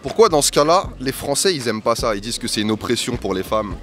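A man's voice: mid-range voice, very animated, fairly bright tone, a little hiss or hum. A young man doing a casual street interview with a handheld mic in a busy city square. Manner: quick, casual questioning. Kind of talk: vox pop street interview.

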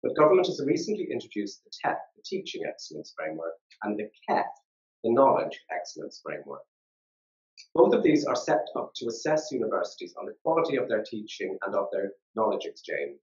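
A man's voice: on the low side, very animated, a little mellow. Man giving an academic keynote. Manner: measured, formal delivery. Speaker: keynote speaker. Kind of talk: academic conference lecture. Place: conference hall. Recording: echoey, dull live-stream recording.

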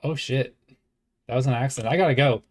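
A man in the middle of a game stream, talking casually and teasing the other players. His voice sits at an ordinary pitch, relaxed and unhurried, with a playful, mischievous edge. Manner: joking, playful. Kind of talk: casual gameplay chat.

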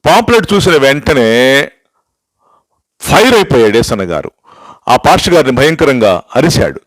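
A man's voice: medium pitch, sing-song, moderate pace, no echo, poor audio. An older man, a pastor, giving an emphatic sermon-style testimony, telling stories, asking rhetorical questions and switching into English phrases for emphasis. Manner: storytelling with repeated rhetorical questions.

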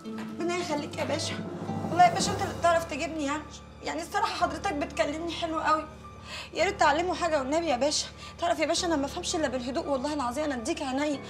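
A frightened, pleading Egyptian informant, played by an actress, wailing in a very high voice and spilling words out very fast. Dramatic music plays under her. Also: natural voice. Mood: coaxing. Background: music score.

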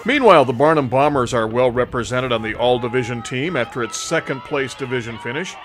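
A man's voice: medium pitch, lively intonation, fairly quick. A man narrating scripted local sports news as a reporter.

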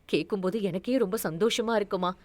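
A woman reading a story aloud voices an older, motherly woman who speaks with affection and coaxing warmth. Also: mid-range voice, a little fast, natural voice. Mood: affectionate.

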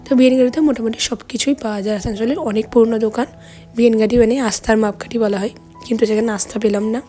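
Woman vlogger, 30s, hoarse, high-ish, faint music behind. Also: warm tone. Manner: chatty, storytelling. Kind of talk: casual vlog narration.

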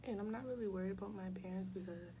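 A young woman chatting casually in a vlog, often dropping into soft whispers, in a small dorm room. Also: mid-range voice, quick pace, noisy background. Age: young adult. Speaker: vlogger.

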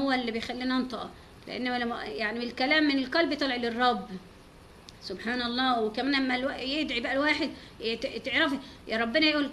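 An Egyptian woman teacher gives an informal religious talk in a high-pitched, sharp voice, devout and full of pious exclamations. There is slight background noise.

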